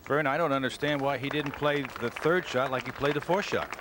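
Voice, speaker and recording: A man's voice: medium pitch, fairly quick. A man giving plain-spoken, conversational golf analysis to a broadcast partner. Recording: crowd and outdoor noise behind broadcast.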